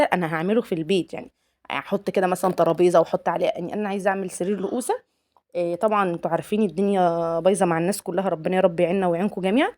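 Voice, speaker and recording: A young woman with an Egyptian accent, chatting with viewers in a home vlog while she cleans her apartment, laughing often. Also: lowish voice. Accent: Egyptian Arabic. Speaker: home vlogger, mother.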